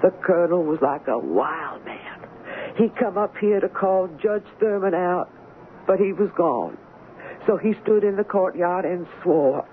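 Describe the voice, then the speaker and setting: An actress playing a gentle, sorrowful older woman servant, speaking in dialect in an old radio play. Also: lowish voice, animated. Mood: grave. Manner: dialect speech, slow and tender. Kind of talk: 1940s radio acting. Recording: tinny old radio broadcast with faint hiss.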